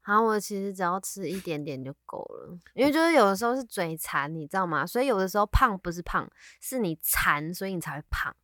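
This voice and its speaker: A young woman co-hosting a podcast in casual chat, lively and teasing, laughing often. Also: medium pitch, fairly quick, few pauses, no echo, clean studio sound. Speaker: podcast co-host.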